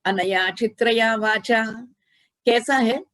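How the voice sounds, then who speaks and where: A woman's voice: a little high, takes it slowly, fairly bright tone, low-quality recording. A woman spiritual teacher giving a devotional discourse, chanting verses and leading call-and-response chants. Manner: demonstrative, chants Sanskrit verses.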